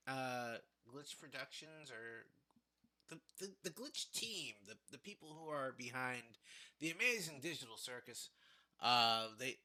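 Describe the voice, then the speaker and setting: A tired man hosting a casual reaction livestream, speaking haltingly and often repeating words. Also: mid-range voice, bright, forceful tone. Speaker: livestream host. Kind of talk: casual trailer reaction stream.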